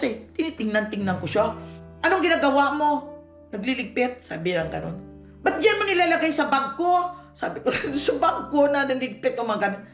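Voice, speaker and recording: A middle-aged woman from the Philippines, a vlogger telling a personal story in an animated way, acting out the dialogue. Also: mid-range voice. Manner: animated, acts out quoted dialogue, laughs often. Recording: roomy echo with faint music.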